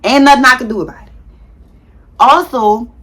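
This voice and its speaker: A woman in her thirties, a nurse, chatting casually to her viewers in a vlog, talking fast with a heavy tongue and sometimes tripping over words. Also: high-pitched, a bit bright. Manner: frank, slangy, addresses viewers as y'all. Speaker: nurse and content creator.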